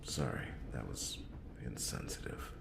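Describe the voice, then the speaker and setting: Casting: male actor as brooding noir detective, extremely low and slow, breathy whispered role-play, wry muttering, roomy sound with background noise. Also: heavily acted. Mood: wry, callous. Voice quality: gravelly, breathy, very deep. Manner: brooding, hesitant, thinking aloud with sighs and pauses. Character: hungover, wry noir detective, a grown man muttering to himself.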